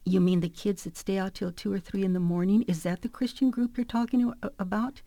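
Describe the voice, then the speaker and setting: A woman voicing her strict, traditional mother, who scolds in a lower, quieter voice than the story around it. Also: fairly even intonation, fairly quick, dry recording, lightly acted. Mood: scolding.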